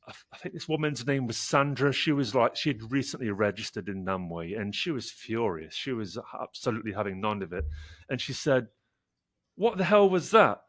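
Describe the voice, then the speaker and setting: A man, a podcast guest, telling anecdotes in a casual, wry way and acting out bits of dialogue. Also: mid-range voice. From United Kingdom. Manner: wry anecdotal storytelling with acted-out asides. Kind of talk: casual chat.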